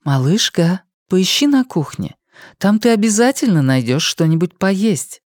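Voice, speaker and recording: Gentle coaxing Xiao Meng, voiced by a narrator. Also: medium pitch, sing-song, a little slow, dry recording, clean studio sound, voice pushed up. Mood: soothing. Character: kind, patient young woman soothing a child.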